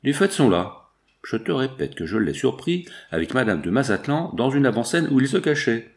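A man reading as a stern noble father, firm and indignant, in a storybook. the voice sits at an ordinary middle pitch and lectures in long, measured sentences. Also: big pitch swings. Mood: lecturing. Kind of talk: audiobook character voice.

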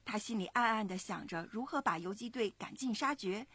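Mom in her 30s reading a kids story aloud, kinda husky, dry close sound. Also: mid-range voice, no room sound. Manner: expressive, measured storytelling. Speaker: parent storyteller. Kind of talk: storybook narration for children.

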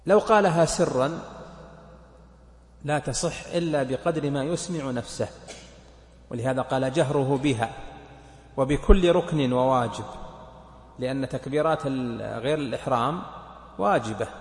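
A man's voice: mid-range voice, moderate pace, long pauses, a little mellow. A man, a sheikh, explaining a legal text to his students, counting points aloud and asking them questions. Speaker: sheikh teaching a fiqh text. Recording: echoey hall with long reverb.

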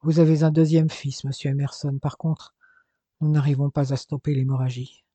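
A man doing a grave, gentle doctor. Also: on the high side, level tone, normal speed, no echo, close to an everyday voice. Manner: quiet, sombre and careful.

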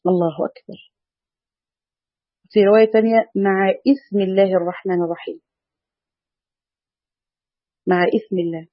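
A woman's voice: mid-range voice, fairly even intonation, moderate pace, pauses often, dry recording. A woman with an Egyptian accent giving an earnest religious lesson, lifting her voice to stress key words. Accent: Egyptian Arabic. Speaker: religious teacher. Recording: dull, dry lo-fi recording.

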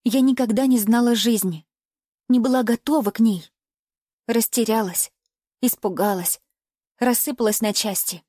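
Woman narrator, emotive first-person audiobook reading, fairly high voice, dry close recording. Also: moderate pace, pauses often, mellow, dry recording.

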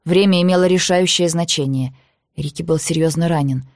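An audiobook narrator giving a measured, even reading of a thriller novel. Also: medium pitch, no echo, clean studio sound.

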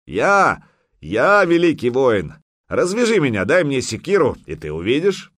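A man reading an audiobook voices a huge male viking warrior who scoffs and boasts loudly. The sound is dry and close. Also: medium pitch, animated, measured pace, no room sound. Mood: defiant.

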